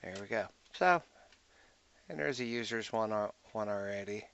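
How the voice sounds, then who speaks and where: Brief: gravelly low-voiced guy, casual tech tutorial, talks to himself while clicking. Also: animated, normal speed, fairly bright tone, lo-fi sound. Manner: thinking aloud, muttering to himself while clicking. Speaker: IT tutorial host. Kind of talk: casual screen-recorded tech walkthrough.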